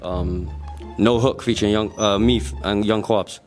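A man's voice: lowish voice, flat delivery, fairly quick. A man giving short, casual answers as a game show contestant. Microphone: handheld microphone. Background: faint music.

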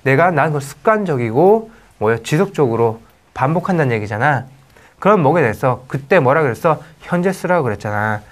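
A man teaching English grammar in an online lecture, quizzing students with quick questions and reading English example sentences slowly. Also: fairly high pitch. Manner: lively, asks questions and answers them himself; casual, teasing with the students.

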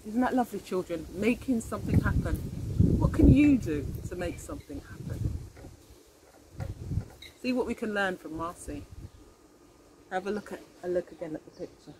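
A middle-aged early years teacher gives an animated, expressive read-aloud of a children's picture book, asking the children questions as she goes. Her medium-pitched voice moves at a moderate pace with long pauses. She's outdoors in a leafy garden, with faint outdoor noise in the background.

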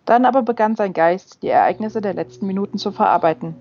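A woman narrating a fantasy novel as an audiobook reader, in a measured, steady reading. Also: medium pitch. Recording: slightly dull with faint music.

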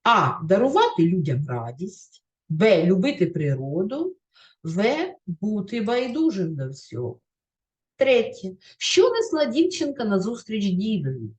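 Expressive Ukrainian woman teacher. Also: mid-range voice, unhurried. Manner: clear, expressive read-aloud with careful stress on words. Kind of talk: reading aloud a story, then explaining a lesson.

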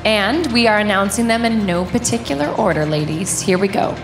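A woman's voice: medium pitch, brisk. A young woman co-hosting a live stage pageant, announcing to an audience. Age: young adult. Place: large indoor theatre stage before an audience. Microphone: handheld stage microphone. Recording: roomy stage sound, loud music and crowd.

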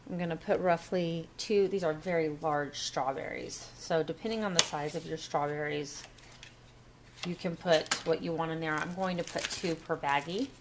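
Lady chatting through a smoothie prep in her kitchen, lowish voice, noisy bags crinkling. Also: normal speed. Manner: chatty, step-by-step instructions. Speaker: cooking vlogger. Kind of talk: casual kitchen demo. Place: home kitchen counter.

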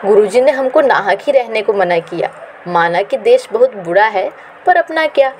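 A woman's voice: a little high, animated, normal speed, darkish tone, slight background noise, close to an everyday voice, low-quality recording. A woman reading the lines of a frightened, plump young male disciple who pleads and wails. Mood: alarmed. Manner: pleading, wailing.

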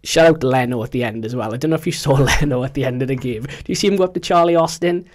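A young man, chatting casually about football as a podcast co-host, animated and slangy. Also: mid-range voice, rapid-fire.

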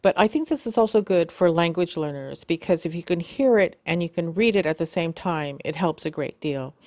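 A woman giving a casual how-to demonstration, talking haltingly with many fillers and self-corrections. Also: lowish voice, expressive, darkish tone, dry recording, clean studio sound. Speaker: video tutorial host.

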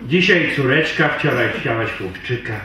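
A man's voice: medium pitch, expressive, moderate pace, sharp tone, a little hiss or hum. A man playing a weary husband who patiently coaxes and soothes a demanding wife in a live stage sketch. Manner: patient, coaxing, often strained and raised. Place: stage in a hall before an audience. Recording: echoey hall, mic far off, audience laughter.

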